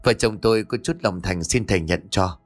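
A flustered village father in an audiobook, voiced by a man, deferential and quick with his words. His voice stays low and plain, with soft music in the background. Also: natural voice. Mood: grateful. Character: anxious, grateful village father.

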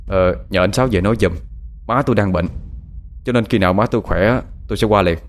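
A man voicing an honest young farmer, earnest and quick to angry shouts. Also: fairly low pitch, slight background noise, natural voice. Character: honest young farmer, hot-tempered in grief.

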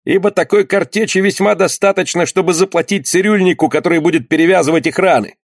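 A man's voice: high-pitched, fast, creaky, no echo, clean studio sound, voice pushed up. A man voicing a gleeful pirate sailor who jeers at the enemy. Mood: jeering. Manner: jeering.

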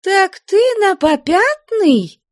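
A woman voicing a lively, headstrong young novice in a nunnery, eager and insistent. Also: high-pitched, unhurried, pitched above the performer's own voice.

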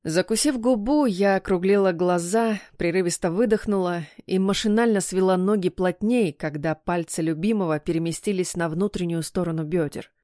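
A woman narrating a romance audiobook in the first person, with steady, intimate storytelling. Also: on the low side, normal speed, hardly any pauses, no echo, clean studio sound.

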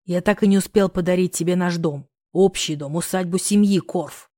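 A woman's voice: lowish voice, normal speed, warm tone, no room sound, clean studio sound, natural voice. A woman reading the lines of a teasing, mock-grumbling young man in love. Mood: tender.

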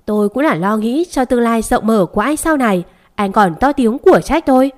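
A woman's voice: on the high side, animated, fairly quick, darkish tone, lightly acted. A woman voicing a domineering older stepmother who shrieks and threatens melodramatically. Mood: shrill, threatening.

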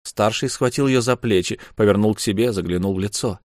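A man with a lowish voice narrates an audiobook, telling the story in a steady, measured way. The studio recording is clean and free of echo.

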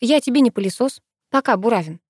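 A woman voicing a sassy, quick-tempered teenage girl in an audiobook, with snappy, mock-stern lines. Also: a little high, lively intonation, breathy edge, dry recording, clean studio sound, pitched above the performer's own voice.

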